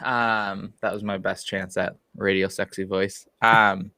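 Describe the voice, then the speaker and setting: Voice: low-pitched, level tone, a little slow, pushed and bright, no room sound. A therapist co-hosting a casual live podcast, upbeat and playful with lots of fillers. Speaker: co-host therapist.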